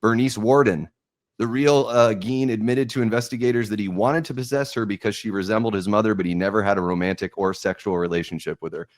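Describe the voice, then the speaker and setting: A young American man hosts a podcast in a fairly low, very dry-sounding voice, with no room sound. Talking quickly but informally and thoughtfully, he shares opinions and notes, often feeling his way through each point.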